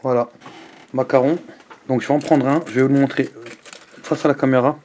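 A man reviewing food in a casual vlog, chatting to the camera at home with lively exclamations and asides to his viewers. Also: medium pitch, a little fast, background noise.

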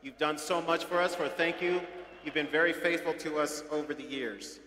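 A middle-aged man welcomes a big outdoor crowd from a podium, upbeat and joking. His voice is very bright and fairly high. It rings through an amphitheatre PA with a long, roomy reverb. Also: fairly even intonation, moderate pace, slight background noise. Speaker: presiding host of an outdoor Easter service. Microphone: podium mic.

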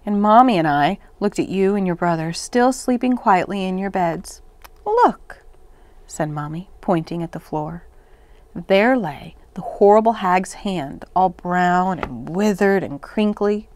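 A woman reading a children's story aloud in an expressive, dramatic way for a library. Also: fairly low pitch, unhurried.

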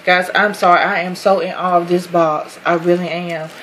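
A woman's voice: fairly low pitch, flat delivery, moderate pace, a bit bright, a little hiss or hum, rough recording. A woman chatting casually to her viewers while unboxing a handmade craft box, gushing over each detail, apologizing often and calling everyone "guys.". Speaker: craft vlogger.

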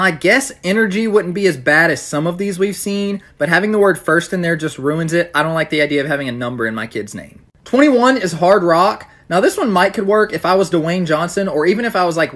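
A man's voice: sits high, fairly bright tone. A young man in his twenties ranking things in a talking-head video, opinionated with a dry, sarcastic edge, filmed on a phone at arm's length. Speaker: vlogger.

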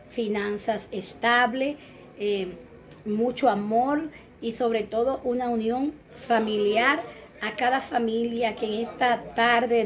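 A Dominican woman in her thirties talks straight into a close phone camera in a small bright room at home. Her voice sits a little high, and she chats easily, greeting viewers and wishing them blessings. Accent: Dominican Spanish. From Dominican Republic. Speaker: vlogger. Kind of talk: casual vlog chat.

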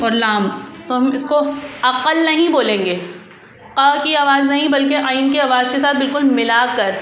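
A woman school teacher giving a patient reading lesson to young children, repeating each word slowly for the pupils. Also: high voice, dull audio. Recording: echoey classroom with faint hum.

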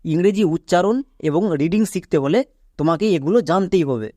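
A man's voice: high-pitched, brisk, warm tone, a little hiss or hum. A man teaching English spelling and pronunciation in a video lesson, explaining step by step and answering his own questions.

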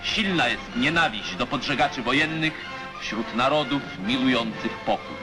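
A man's voice: mid-range voice, lively intonation, normal speed. A man giving formal, declamatory narration for an old 1950s newsreel. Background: music.

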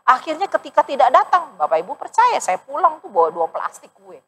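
A woman pastor giving a lively, conversational sermon in a church, speaking straight to the congregation and acting out the voices of the people in her stories. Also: high voice, a little fast. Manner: animated, acts out quoted voices, addresses congregation directly. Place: church sanctuary.

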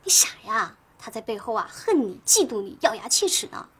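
An actress playing a chatty, teasing young office coworker in a TV drama. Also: female voice, on the high side, sing-song, brisk, fairly bright tone, breathy edge, full character voice. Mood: gossipy. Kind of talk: TV drama acting.

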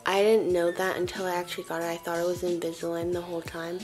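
A woman's voice: fairly low pitch, little pitch movement, quick pace, music in the background. A teenage girl vlogging in casual chat, talking with a slight new lisp and lots of fillers. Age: teens. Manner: chatty, filler-heavy, bubbly. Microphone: camera mic.

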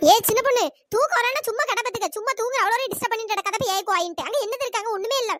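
A woman's voice: very fast, pushed and bright, dry recording, clean studio sound. A woman voicing a bossy elder sister in a cartoon story, talking. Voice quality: pitch-shifted high voice. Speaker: cartoon voice performer.

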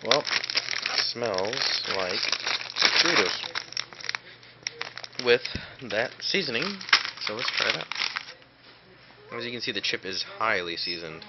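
A man's voice: fairly low pitch, lively intonation, slow, pauses often. A man casually chatting through a snack review in a laid-back, rambling way. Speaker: food review vlogger. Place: small cluttered room indoors. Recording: dull lo-fi audio with hum and clicks.

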